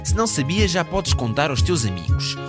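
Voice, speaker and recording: A cheerful boy travel guide for a children's programme, acted by a woman. The pitch sits slightly low for a woman and swings in a very lively way, with scripted lines and eager questions over prominent music. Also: a little fast. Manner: animated, addresses young listeners with questions. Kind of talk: scripted children's educational narration.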